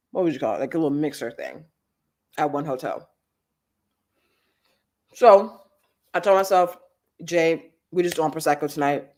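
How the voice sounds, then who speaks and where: A woman, hosting a live chat show and telling casual stories with big swings in pitch. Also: a little mellow. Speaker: host. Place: Los Angeles.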